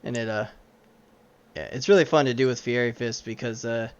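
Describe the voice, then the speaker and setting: A man's voice: mid-range voice, fairly even intonation, fairly quick, clear, resonant tone. A man rambling casually about his tabletop character, with lots of fillers. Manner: rambling, loose, full of fillers. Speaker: tabletop player. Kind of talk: casual chat. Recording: dull lo-fi mic with faint noise.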